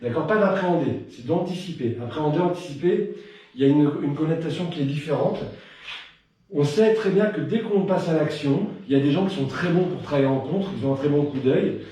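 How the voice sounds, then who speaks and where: His voice is a little high with a warm tone and a brisk pace as this French instructor runs a live online Krav Maga class. He counts combinations, makes punchy noises on the strikes, and chats between drills, sounding warm and slightly breathless. There's slight background noise, heavy room echo, and a distant mic.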